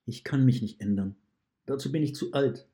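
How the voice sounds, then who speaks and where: A man's voice: medium pitch, moderate pace, warm tone, voice pushed up, natural voice. A man voicing a remorseful, weary male wolf imprisoned in a dungeon, talking in a pained, confessing way, in a read-aloud story. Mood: tired refusal.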